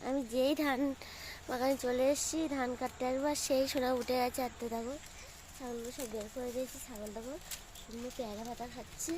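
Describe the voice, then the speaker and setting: A young woman with a voice hoarse from a cold, chatting casually to her viewers in a vlog and keeping up a running "look at this". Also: sits high, little pitch movement, quick pace, background noise. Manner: chatty, talks straight to viewers, keeps saying "look". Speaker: vlogger. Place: outdoors in a rice field.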